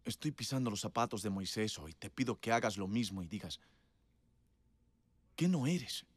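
A man's voice: fairly low pitch, a little fast, no room sound. A man preaching a sermon in a conversational storytelling way, emphatic and laughing often.

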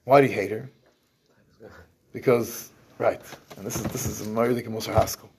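Gravelly man teaching a scripture class. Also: on the low side, steady tone, moderate pace, darkish tone, slight background noise. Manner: explains in English with Hebrew terms, restarts often. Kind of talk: lecturing on scripture.

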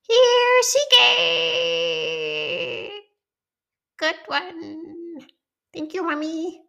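A woman putting on a cheerful little girl koala toy, high sweet childish chatter, slightly gravelly edge. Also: moderate pace, lo-fi sound, close to an everyday voice.

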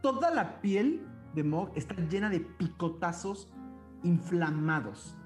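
A man runs the tabletop game from behind the screen. His voice sits a little high. He calls for saving throws and describes what happens to the players' characters. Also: lively intonation, takes it slowly, soft background music. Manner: calls for rolls, describes effects. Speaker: game master.

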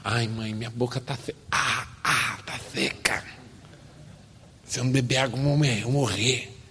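A man's voice: medium pitch, fairly even intonation, moderate pace, sharp tone, slight background noise. A man voicing a thirsty little boy who keeps whining and begging his mother, in a reverberant hall. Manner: pleading, whining, melodramatic.

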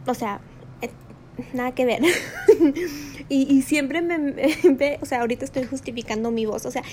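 A middle-aged woman with a high, girlish voice talks through her podcast in a loose, rambling motivational monologue. She leans on filler phrases and drifts into English mid-thought, with a faint hum of room noise behind her. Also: normal speed, a little mellow. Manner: rambling, full of "o sea" fillers, switches into English. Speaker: podcast host.

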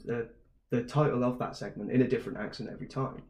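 A man's voice: mid-range voice, fairly even intonation, fast talker, darkish tone, reverberant. A man co-hosting a casual podcast chat, explaining things in a rambling way and laughing easily. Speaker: podcast co-host.

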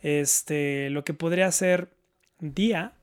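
A man whose first language is Spanish, a panelist who is learning Japanese, talks casually and thoughtfully, repeating words as he hunts for the right phrasing. His slightly high voice is steady and slow, with a clean tone.

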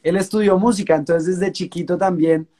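A young Colombian man with a Colombian Spanish accent, a singer-songwriter chatting in an interview and telling relaxed stories. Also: sits high, moderate pace. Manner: relaxed, storytelling, uses fillers like pues. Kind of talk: casual interview chat.

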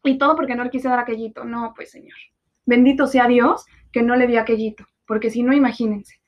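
A woman's voice: a little high, fairly even intonation, fairly quick. A Mexican woman in her twenties hosting a podcast, talking bluntly and sarcastically and swearing freely in a casual confessional monologue. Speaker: podcast host. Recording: dull lo-fi recording.

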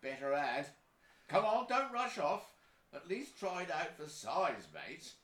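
A man's voice: a little high, very animated, measured pace, a bit bright. An actor playing a sly, mocking male gravedigger with a teasing, sing-song delivery. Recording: roomy echo.

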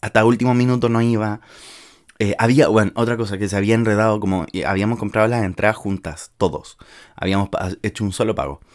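A man's voice: fairly low pitch, fairly even intonation, fast talker. A young man with a Chilean accent, telling a story casually in slang-filled speech. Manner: informal and slangy, with frequent filler words. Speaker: vlogger.

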